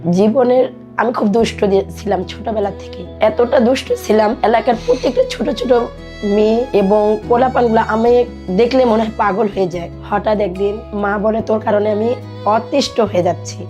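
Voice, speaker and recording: A young Bangladeshi woman in her twenties from Dinajpur speaks at a normal speed with a medium pitch, a steady delivery, and a dark tone. As a podcast guest, she tells her own life story in conversation and recounts what people said to her. Background music plays beneath her voice.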